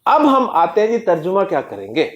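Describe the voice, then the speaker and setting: A man teaching Arabic grammar in a classroom lecture. He drills word forms slowly and keeps quizzing his students. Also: high-pitched, wildly swooping pitch. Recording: echoey classroom recording.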